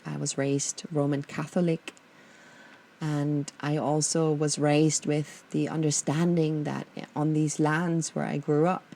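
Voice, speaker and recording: A woman from Austria hosting a podcast, guiding listeners through a slow, gentle reflection with many pauses and fillers. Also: sits low, gravelly. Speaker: podcast host. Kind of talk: guided reflection and personal talk.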